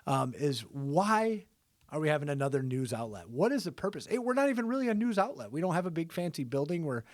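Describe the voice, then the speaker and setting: A man's voice: a little high, sing-song, fairly quick, a little mellow, no echo, studio quality. An American man chatting casually as a podcast co-host. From Flint area, Michigan, United States. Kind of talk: casual chat. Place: bunker, indoors.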